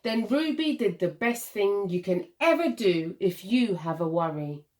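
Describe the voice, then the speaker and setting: A woman reads a picture book to little children with the expressive style of a primary school teacher, using deliberate dramatic pauses and emphasis. Her voice is mid-range and animated, with a slightly mellow tone.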